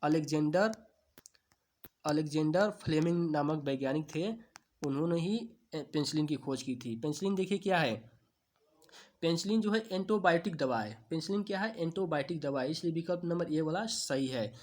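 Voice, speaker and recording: A man teaching exam questions, asking each answer back as a question and then repeating it, stretching key terms slowly. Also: a little high, a little mellow. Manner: slow, drawn-out stresses on key terms. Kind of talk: quiz-answer lesson.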